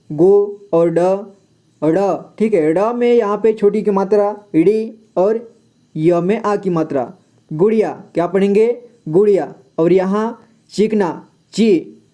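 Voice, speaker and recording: Slow, patient man teaching Hindi reading. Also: sits high, dark tone. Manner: patient, repeats each word and asks "what will we read?". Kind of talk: slow reading lesson for beginners.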